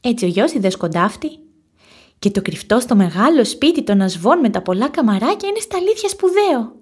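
A woman narrating a children's storybook, expressive and animated. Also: on the high side, husky. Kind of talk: storybook reading.

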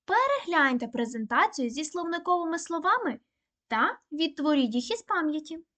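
A woman teaching a recorded online primary-school lesson, dictating words slowly and clearly. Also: high voice, big pitch swings, a bit bright. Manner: slow, clear, deliberate dictation.

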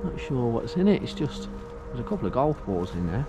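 Fairly quick and sing-song, a man's mid-range voice carries a casual walking commentary while he explores an abandoned outdoor location for his vlog. He chats, thinks out loud, and often says "guys" to his viewers, with music behind him.

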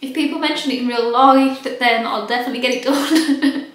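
A woman's voice: high voice, steady tone, normal speed. A young adult British woman chatting casually and informally to camera as a vlogger, rambling along in an empty, echoing bedroom. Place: small empty bedroom with bare walls and wood floor, indoors. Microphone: camera mic at about arm's length or more. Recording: very echoey empty room.

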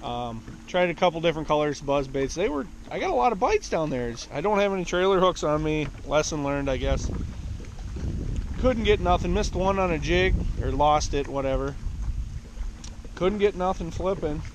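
A man's voice: on the high side, lively intonation, moderate pace. A man in his thirties, a fishing vlogger, talking casually and rambling to an action camera from a small boat on a lake and later from inside a truck. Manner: laid-back, rambling, plain-spoken. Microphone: action camera close by. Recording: wind and water noise outdoors. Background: wind and water.

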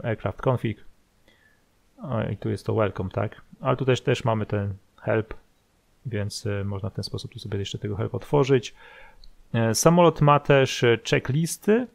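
A man with a lowish, gravelly voice hosts a casual simulator tutorial. He explains things step by step in a halting, thinking-aloud way. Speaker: flight simulator video host. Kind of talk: casual screen-tutorial commentary. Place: voice-over recorded over screen capture.

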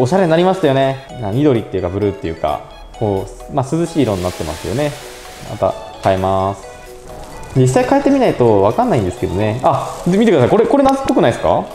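Fast-talking young man with a mellow voice. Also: mid-range voice. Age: young adult. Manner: chatty, thinks aloud, polite narration of each step. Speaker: presenter of a robot pet channel. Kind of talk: casual app demonstration. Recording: echoey indoor room with faint music.

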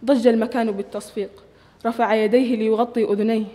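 A woman with a mellow, soft-toned voice reads her short story aloud, measured and expressive. Her voice carries the long reverb of a large hotel hall, heard as a live reading at a literary evening. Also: fairly high pitch. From Saudi Arabia.

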